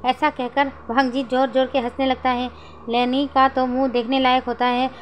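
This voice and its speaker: High-voiced woman narrating a story. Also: flat delivery, normal speed, a little hiss or hum, rough recording. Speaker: fan fiction narrator.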